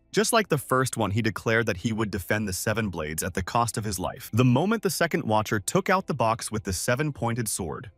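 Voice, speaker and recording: A man giving scripted story narration as a recap narrator, in an animated, swooping delivery. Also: mid-range voice, dry recording.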